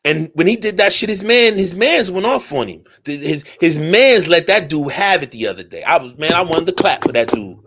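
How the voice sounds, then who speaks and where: A man hosting a solo talk radio show, ranting in a profane, animated way and firing off rhetorical questions. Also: on the high side, normal speed, few pauses.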